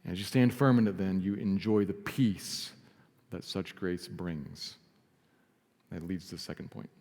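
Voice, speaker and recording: Male pastor, lower pitch, earnest sermon delivery, reverberant church hall. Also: steady tone, unhurried, vocal fry. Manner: earnest preaching, drops to soft emphasis. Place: church sanctuary.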